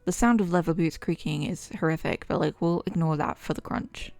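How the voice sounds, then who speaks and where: A woman's voice: low-pitched, fairly even intonation, a little fast, creaky, a little mellow, soft background music. A young woman streaming, chatting casually and reading quiz answers aloud with dramatic flair. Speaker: VTuber streamer. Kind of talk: casual chat.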